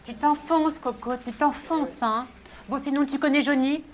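A woman's voice: sits high, moderate pace, a little hiss or hum. A woman acting in a comedy sketch, gossipy and teasing. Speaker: office worker in a sitcom. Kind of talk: sitcom acting.

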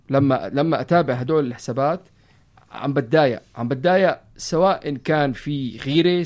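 A man in his thirties with a Levantine Arabic accent, hosting a casual podcast in an animated way, repeating phrases for emphasis. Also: fairly high pitch. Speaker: podcast host. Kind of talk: casual conversational podcast chat.

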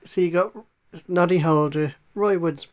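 Easygoing man, casual podcast chat. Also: fairly high pitch. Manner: easygoing, teasing, quick to joke along. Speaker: podcast co-host.

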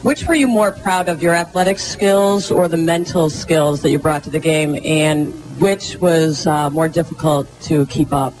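A man's voice: fairly high pitch, unhurried, hardly any pauses, a little mellow, soft background music, low-quality recording. A man interviewer asking a long question, heard from a worn old videotape copy.

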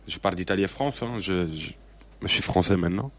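A man's voice: low-pitched, quick pace, fairly bright tone. A man from Sardinia, a chef giving strong opinions as a guest in a radio interview. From Sardinia, Italy. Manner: emphatic, opinionated, with many hesitations.

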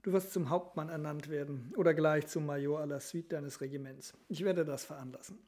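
A man voicing an ailing grand duke, the older brother, who speaks in a formal, tired and measured way in a novel reading. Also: fairly high pitch, darkish tone, lightly acted. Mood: weary formal.

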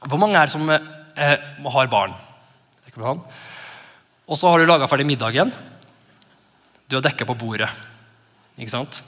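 A man in his thirties preaching a sermon as pastor, animated and often laughing as he acts out his children's voices. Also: medium pitch, pauses often. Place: church. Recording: church hall reverb.

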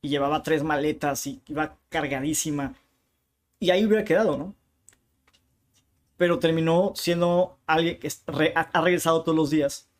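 A man from Tijuana with a northern Mexican accent, a bookshop owner telling stories in a casual interview with slangy asides. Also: on the high side. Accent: northern Mexican Spanish. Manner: lively storyteller with slangy asides.

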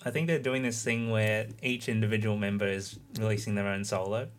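Lowish-voiced man in casual chat. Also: steady tone, fairly quick, slight background noise.

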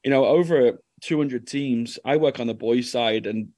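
A mellow, mid-range male voice from Birmingham, England, with a Brummie accent, chats casually as a guest who coaches youth football. He speaks at a moderate pace, rambling a little and repeating words as he goes, in a dry recording.

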